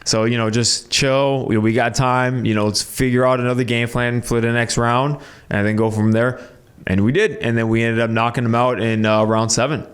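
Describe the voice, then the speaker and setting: A young man from Canada, a boxer, chatting easily as a podcast guest. His voice sits at an ordinary middle pitch, and he tells his stories in loose runs broken up by fillers and quick laughs. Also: clean tone. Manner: relaxed storytelling, frequent fillers and laughs. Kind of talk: casual interview.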